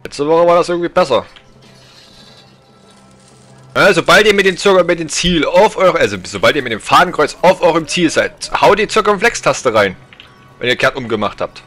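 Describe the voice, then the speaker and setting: A man's voice: on the high side, lively intonation, fairly quick, fairly bright tone. A man leading a regiment in an online game, barking military drill commands and scolding his players. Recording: game music and gunfire behind. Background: game music, gunshots.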